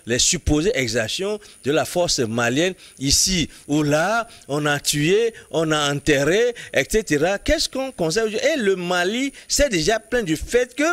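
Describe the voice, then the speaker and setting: During a studio political debate, this man presses his reasoning insistently, his halting delivery marked by restarted words as he assembles his point. He speaks a little high with a fairly bright tone, recorded with no room sound.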